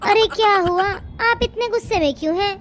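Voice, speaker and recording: A woman voicing a defiant young daughter-in-law. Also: very high voice. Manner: defiant, complaining, quick to answer back.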